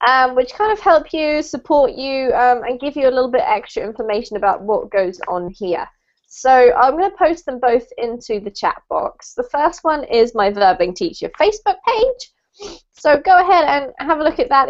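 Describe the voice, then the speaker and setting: A woman's voice: fairly high pitch, lo-fi sound. A woman teaching a live online English class, chatty and speaking straight to her students over a video call.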